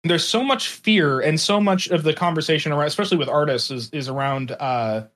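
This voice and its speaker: Earnest man explaining, slightly high voice. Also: a little fast, a bit bright. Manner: earnest, hedging, often checks with "right?". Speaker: interview participant. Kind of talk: conversational opinion and explanation.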